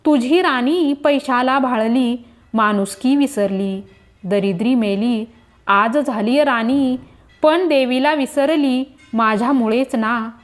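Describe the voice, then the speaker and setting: A woman's voice: a little high, slow pace, faint music behind. A woman voicing an angry poor old woman who scolds with bitter reproach in a devotional tale. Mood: indignant.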